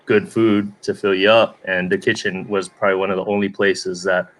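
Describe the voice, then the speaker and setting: An easygoing man from Hawaii shares memories in a casual chat, with a very deep voice. He fills his talk with relaxed asides. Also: normal speed. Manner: easygoing, chatty with "you know".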